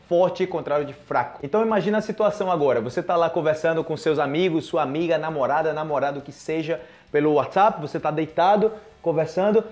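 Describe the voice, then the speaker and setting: Higher-voiced Brazilian man teaching, emphatic. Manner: animated, emphatic, repeats key words slowly, frequent check-in tags. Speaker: Portuguese teacher. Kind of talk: informal language lesson to camera. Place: furnished living room, indoors. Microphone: clip-on lapel mic.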